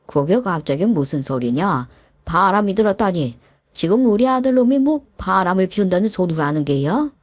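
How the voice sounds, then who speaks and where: A woman's voice: mid-range voice, lively intonation, moderate pace, darkish tone, no echo, clean studio sound, lightly acted. A woman voicing a furious older father-in-law who scolds harshly and barks commands in a told story. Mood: furious scolding. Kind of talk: storytelling with voiced characters.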